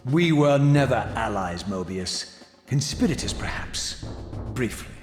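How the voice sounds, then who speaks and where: An actor playing a defiant, bitter undead wraith in a video game, speaking formally with proud scorn. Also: male voice, on the low side, animated, measured pace. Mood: scornful, resolute. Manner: sardonic, scornful, theatrical formal speech. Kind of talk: dramatic video game voice acting. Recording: echoey hall reverb, music behind.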